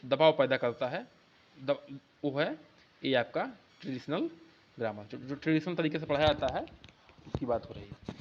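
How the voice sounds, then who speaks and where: A man teaching an exam-prep lesson in Hindi, explaining each answer and reading the English questions out slowly, word by word. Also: fairly high pitch. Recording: dull lo-fi sound.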